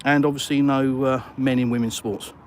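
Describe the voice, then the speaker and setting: A middle-aged Englishman with an English accent talks casually into his phone while strolling outdoors after dark. He reads out viewer comments and answers them. Faint traffic hum sits behind his voice. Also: mid-range voice, little pitch movement, normal speed. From England. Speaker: vlogger. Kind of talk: live walk-and-talk stream. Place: city streets at night, outdoors. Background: faint traffic noise.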